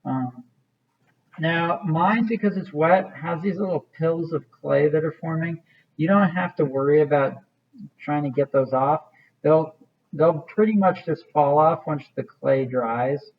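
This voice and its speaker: A man leading an art class demonstrates a clay project to his students, rambling casually and using lots of fillers. His voice is on the high side and measured in pace, with lo-fi sound quality.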